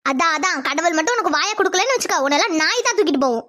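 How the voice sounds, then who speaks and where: A woman voicing a shrill scolding cartoon mother. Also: expressive, very fast, sharp tone, slight background noise, heavily acted. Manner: shrill nagging threats. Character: scolding middle-aged village mother. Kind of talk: Tamil cartoon voice acting.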